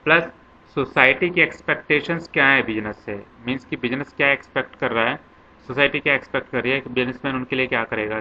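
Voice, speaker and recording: Bright-voiced commerce teacher. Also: male voice, mid-range voice. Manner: explains step by step with many examples and lists. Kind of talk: classroom lecture. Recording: slightly dull lo-fi with faint noise.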